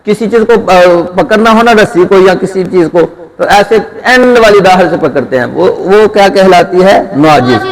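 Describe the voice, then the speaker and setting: A man teaching Quran letter pronunciation, asking his students questions and answering them himself, drawing out each letter sound. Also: sits high. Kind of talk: Urdu tajweed lesson, call-and-response drilling. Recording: long hall reverb.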